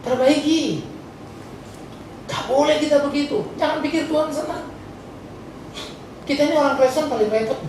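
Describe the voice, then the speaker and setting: A male pastor preaching a sermon, with animated, jokey, slangy storytelling in a church hall. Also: very high voice, normal speed, vocal fry, long pauses, slight background noise. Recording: echoey church hall from far off.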